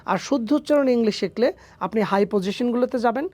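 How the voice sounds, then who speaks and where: A man's voice: extremely high pitch, brisk, darkish tone, dry recording. A man, a phonetics teacher answering interview questions emphatically with rhetorical questions. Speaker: English phonetics teacher, guest.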